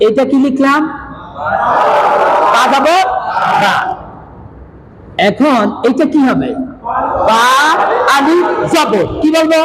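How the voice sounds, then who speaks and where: High-voiced male teacher drilling a class. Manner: repeats letters and asks the class to echo them. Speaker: Quran reading teacher. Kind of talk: classroom lesson with call-and-response drills. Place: classroom with students. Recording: noisy room with a crowd of learners.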